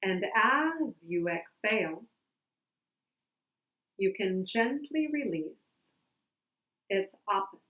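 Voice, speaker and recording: A woman guides a calm grounding exercise in a gentle, unhurried way. She speaks very slowly and leaves long pauses between phrases. Her voice sits at a medium pitch and rings in a roomy, echoing space. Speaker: meditation guide.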